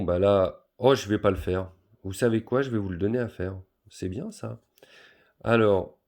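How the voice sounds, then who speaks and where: A man's voice: fairly low pitch, vocal fry, darkish tone. A man teaching a school math lesson, patiently talking pupils through each step of a word problem with many fillers.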